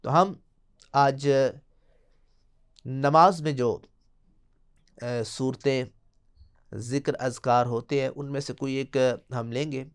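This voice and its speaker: A young man teaching Quran recitation, explaining rules and reciting slow drawn-out examples. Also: mid-range voice, fairly even intonation, smooth.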